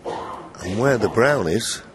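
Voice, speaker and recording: A man giving hushed live snooker commentary in measured phrases, pausing between thoughts. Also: lowish voice, lively intonation. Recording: crowd and loud arena noise behind. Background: snooker arena crowd ambience.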